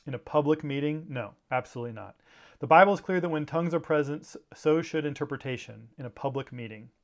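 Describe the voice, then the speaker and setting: A man's voice: on the high side, fast. A man teaching a Bible seminar in a conversational way, with frequent fillers and restarts.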